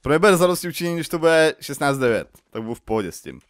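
A man hosting a gaming channel, chatting casually while he plays, laughing and sometimes shouting. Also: fairly high pitch, sing-song, background noise. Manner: playful, laughing, bursts of shouting.

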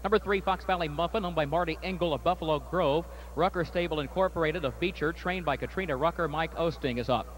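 A man announcing a harness race at an outdoor track, calling the field in a brisk, formal way. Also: on the high side. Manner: rapid rising race call, steady formal post parade. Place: outdoor racetrack. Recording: faint outdoor noise.

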